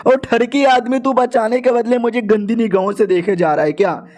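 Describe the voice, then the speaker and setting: A man voicing a fierce young woman who is quick to anger, with shrill, indignant scolding. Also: fairly even intonation, a little mellow, close to an everyday voice. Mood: angry.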